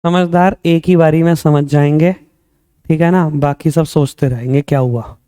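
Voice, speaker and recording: A man teaching an accounting class, quizzing his students with quick questions and slowing down to stress English definitions. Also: on the high side, fairly even intonation, mellow, smooth. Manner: mixes Hindi with English terms, slow stressed definitions. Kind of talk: classroom lecture.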